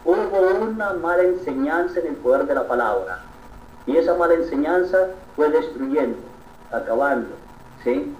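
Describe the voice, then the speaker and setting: Earnest priest preaching in a roomy hall. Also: male voice, on the high side, expressive, moderate pace, slight background noise. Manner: earnest preaching with repeated "¿sí?" checks. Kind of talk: sermon. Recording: roomy, distant, dull sound.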